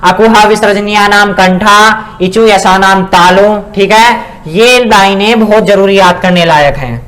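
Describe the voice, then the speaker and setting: A man's voice: high voice, fairly bright tone. Male teacher, patient classroom delivery, drawing out each syllable. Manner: repeats "ठीक है ना" and sounds out syllables slowly. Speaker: Sanskrit grammar teacher. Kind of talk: spoken lesson explaining pronunciation.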